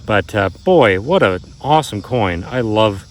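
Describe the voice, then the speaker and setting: He's a man in his thirties whose lowish, expressive voice stays unhurried as he vlogs casually about metal detecting. He exclaims in wonder at his finds and addresses viewers directly, outdoors in grassy and wooded areas, with insects and vehicles audible throughout.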